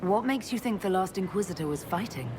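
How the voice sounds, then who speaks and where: An actress playing a composed female military leader in a video game, questioning companions in a measured, dry way. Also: mid-range voice, animated, lightly acted. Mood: dry, businesslike. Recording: clear background ambient noise.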